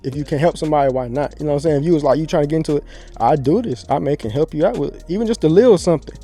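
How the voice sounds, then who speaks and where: A man chats as a podcast guest. He has a mellow, warm voice and a laid-back, slangy, rambling way of telling stories. Soft music plays faintly behind him. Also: fairly high pitch, very fast. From Pensacola, Florida. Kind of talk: casual podcast chat.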